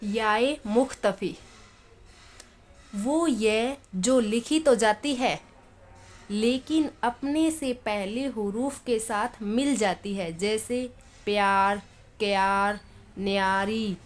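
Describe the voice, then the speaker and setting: Woman teacher, fairly high voice, unhurried. Slowly says example words, then repeats and explains. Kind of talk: Urdu phonetics lesson.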